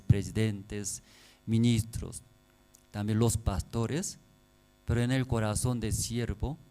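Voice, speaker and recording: A man with a Korean accent preaching a sermon in halting, non-native phrasing, often checking with the congregation through short rhetorical questions. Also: on the low side, dark tone, rough recording. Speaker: pastor.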